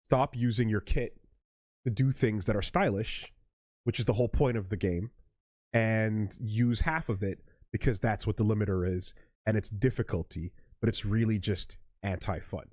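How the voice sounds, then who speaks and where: A man's voice: fairly low pitch, normal speed, a little mellow, dry recording. A man hosting a let's play, chatting casually about games in an emphatic, opinionated, sweary way. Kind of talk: casual gaming chat.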